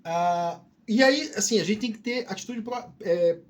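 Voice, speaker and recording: A man's voice: high voice, measured pace. A middle-aged man with a Northeastern Brazilian accent who hosts a channel. He talks to camera in a candid, rambling way, with restarts and "né, cara" tags. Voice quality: drawling speech. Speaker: YouTube channel host. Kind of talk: casual solo talk to camera.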